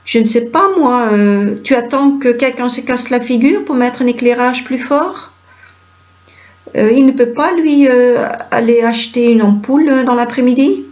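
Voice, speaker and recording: A woman reading a stage play aloud and voicing all the roles, moving briskly through quick back-and-forth dialogue. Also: fairly high pitch, darkish tone. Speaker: reader of a play script. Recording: dull lo-fi recording.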